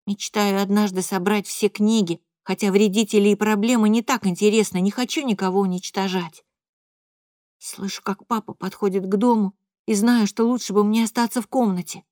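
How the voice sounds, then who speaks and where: Woman reading an audiobook, quiet even voice, dry close mic. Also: medium pitch, moderate pace, dry recording. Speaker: audiobook reader. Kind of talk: first-person audiobook narration.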